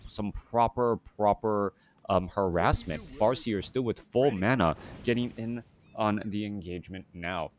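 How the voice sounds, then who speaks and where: A man, casting a strategy game live and drifting into rambling chat full of fillers and restarts. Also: lowish voice. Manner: rambling, chatty, many restarts and filler words. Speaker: game caster.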